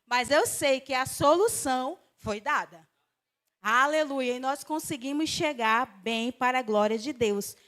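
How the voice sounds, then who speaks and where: A woman from Brazil preaching a sermon, telling a personal story with emphatic swings in her voice. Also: measured pace. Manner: emphatic, storytelling, voice swings high and loud on exclamations. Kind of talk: sermon with testimony.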